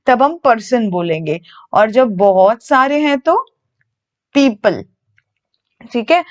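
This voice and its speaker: Woman teacher with a fairly high voice on a dull lo-fi recording, patiently walking students through grammar. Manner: patient, repeats key words, asks and answers her own questions. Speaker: English teacher. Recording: dull lo-fi sound.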